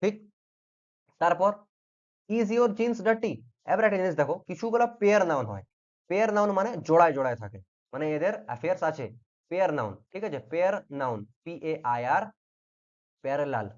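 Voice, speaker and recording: A man's voice: fairly high pitch, expressive, quick pace, highs cut off. A man teaching grammar in an online lesson, patiently repeating each point and checking that the students follow. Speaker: exam-prep English teacher.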